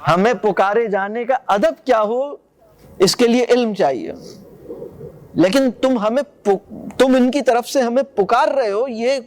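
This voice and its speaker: A man with a high-pitched voice lectures on poetry. He explains eagerly, then slows down to recite verses with care.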